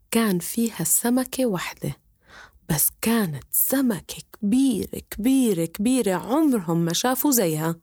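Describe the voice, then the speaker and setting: A woman's voice: mid-range voice, darkish tone, breathy edge, dry recording, clean studio sound. A woman telling a folk tale, repeating words for effect. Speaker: storyteller.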